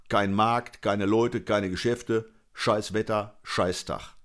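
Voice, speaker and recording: A man reading a crime novel aloud in a dry, wry storytelling manner. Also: lowish voice. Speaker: audiobook reader. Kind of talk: scripted narration of a crime novel.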